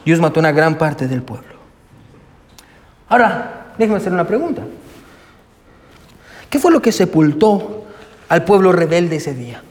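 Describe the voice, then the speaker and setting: A man's voice: fairly high pitch, very animated, measured pace, pauses often. A male pastor preaching a sermon, emphatic and full of rhetorical questions, often adding "amen". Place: church sanctuary. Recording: echoey church hall with long reverb.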